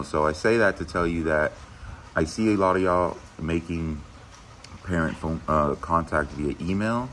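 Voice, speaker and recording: A very deep-voiced man talks to his staff in an easy, earnest way, leaning on "you know" as he goes. He sounds middle-aged and speaks like a school administrator. A faint hum runs under the recording. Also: a bit bright. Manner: earnest, conversational, many "you know" fillers. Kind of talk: casual video message to teachers.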